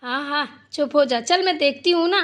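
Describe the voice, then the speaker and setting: Brief: woman doing a bossy village mother-in-law for a cartoon, high and curt. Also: moderate pace, a bit bright. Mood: placating. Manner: brusque, placating. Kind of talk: Hindi cartoon dubbing.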